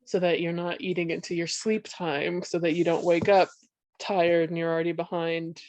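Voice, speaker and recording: A woman's voice: lowish voice, little pitch movement, normal speed, a little mellow, no room sound. A woman, a behavioral health specialist, talks through ideas in a loose, rambling way, full of restarts and "right?" tags, with a congested voice. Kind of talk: conversational panel discussion.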